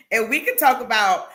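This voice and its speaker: Bright-voiced earnest woman guest. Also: a little high. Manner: earnest and emphatic, with faith references. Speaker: guest, founder of a women's platform. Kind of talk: conversational interview.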